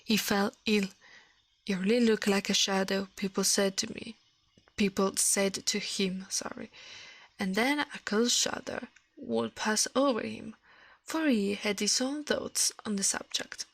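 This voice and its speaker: An ASMR streamer reads a storybook aloud in a mid-range, unhurried, creaky voice, stumbling now and then and correcting herself. There's no room sound on the recording.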